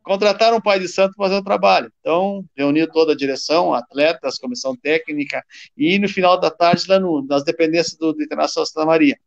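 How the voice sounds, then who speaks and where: Man, halting storyteller, fairly high pitch, muffled low-quality call sound. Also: gravelly. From southern Brazil. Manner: halting, repeats words while telling anecdotes. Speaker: former football player, guest. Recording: dull lo-fi call audio.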